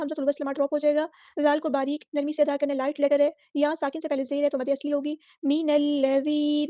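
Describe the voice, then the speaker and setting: A woman with a Pakistani Urdu accent teaches Quran recitation, breaking down each letter before chanting the verse slowly. Her voice sits high and stays fairly level. The recording is dry and a little dull. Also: dark tone, no room sound. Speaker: Tajweed teacher.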